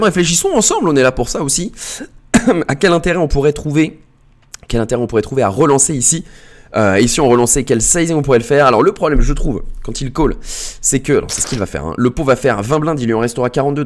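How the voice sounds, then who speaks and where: A man hosting a poker replay show, commenting hands in a lively, chatty way and addressing viewers directly. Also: mid-range voice, quick pace.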